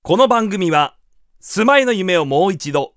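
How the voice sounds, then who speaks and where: A man's voice: high-pitched, animated, measured pace, a bit bright, faint music behind. A man from Kumamoto, a rakugo storyteller and radio host, tells a comic folktale in thick Kumamoto dialect with playful sound effects, then chats casually. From Kumamoto, Japan.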